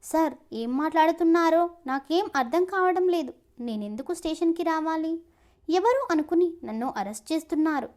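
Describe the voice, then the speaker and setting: A woman voicing a frightened young woman pleading with police, high and near tears. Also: lively intonation, moderate pace, darkish tone.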